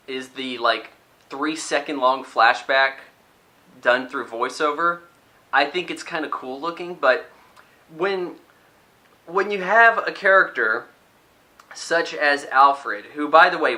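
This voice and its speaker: A man with a bright, slightly high voice talks through a movie review in a loose, rambling way. He picks at the film critically and often restarts his sentences mid-thought. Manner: rambling and critical, with frequent restarts and mock quotes. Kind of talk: casual spoken movie review.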